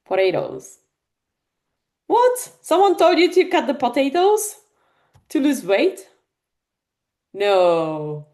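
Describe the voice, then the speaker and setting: A woman's voice: high-pitched, wildly swooping pitch, takes it slowly, pauses often, darkish tone. A woman from the Republic, a fitness and nutrition coach giving a live online masterclass in a chatty, direct way, full of fillers, over a video call. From Czech Republic. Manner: chatty, addresses the audience directly with many fillers.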